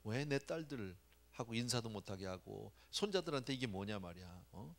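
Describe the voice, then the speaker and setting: A man's voice: fairly low pitch, animated, moderate pace, vocal fry. A man voicing an angry older man who scolds his son-in-law with accusing questions. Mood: indignant scolding. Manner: indignant, accusing rhetorical questions.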